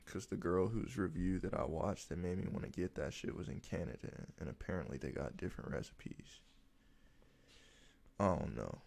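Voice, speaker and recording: A man's voice: deep voice, normal speed, vocal fry, a little mellow. A man co-hosting a casual podcast chat with slangy, sweary bro banter. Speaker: podcast co-host.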